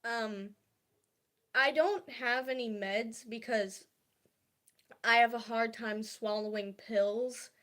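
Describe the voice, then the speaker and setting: A woman's voice: a little high, steady tone, slow pace, long pauses. A young woman livestreaming, talking casually and hesitantly about her feelings, with many fillers and restarts. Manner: confiding and soft-spoken about feelings.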